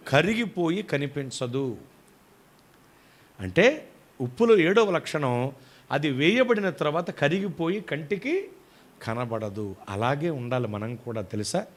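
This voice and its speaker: Animated male pastor preaching. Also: fairly high pitch. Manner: animated preaching, swings from loud emphasis to soft asides. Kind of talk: sermon.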